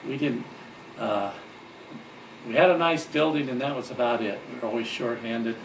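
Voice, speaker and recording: An older man casually telling stories from his life, rambling with restarts and chuckles, and growing louder and livelier on the funny parts. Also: mid-range voice, normal speed, gravelly. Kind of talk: casual reminiscing storytelling. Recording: echoey room, distant mic, background noise.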